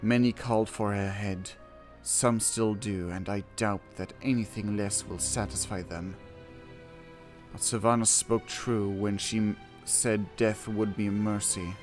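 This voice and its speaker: In an unhurried, lowish voice, a man reads quest text aloud while streaming a game with music in the background. He reacts casually, sometimes exclaiming excitedly and sometimes hesitating and correcting himself.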